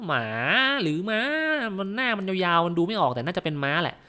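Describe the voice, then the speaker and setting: A man's voice: high-pitched, lively intonation, a little fast, bright, forceful tone, clean tone. A Thai man hosting a gaming channel, chatting casually about game concept art, often correcting himself and laughing at his own guesses.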